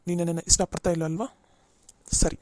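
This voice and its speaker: A woman voicing a young male office boss who quietly asks if he is disliked. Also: on the low side, steady tone, fast talker, no echo, pitched below the performer's own voice, lightly acted. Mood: dejected. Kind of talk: cartoon voice acting.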